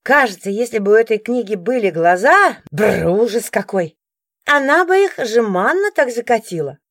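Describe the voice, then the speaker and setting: A woman narrates a first-person audiobook with animated, expressive delivery. Her voice sits a bit high and moves a lot in pitch. The recording is dry and close. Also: normal speed, no echo.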